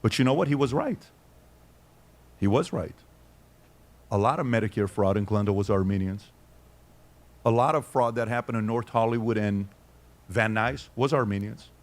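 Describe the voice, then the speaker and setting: A man's voice: lowish voice, moderate pace, long pauses. Blunt, emphatic middle-aged man. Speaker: guest storyteller. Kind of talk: casual chat.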